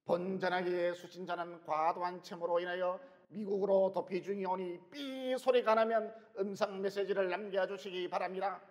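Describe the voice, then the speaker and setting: A man preaching a sermon, doing an impression of a flat, formal automated phone message. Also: high-pitched, normal speed, hardly any pauses, natural voice. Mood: mechanical. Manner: mimicking a robotic phone-message voice. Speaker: pastor. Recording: dull, echoey hall recording.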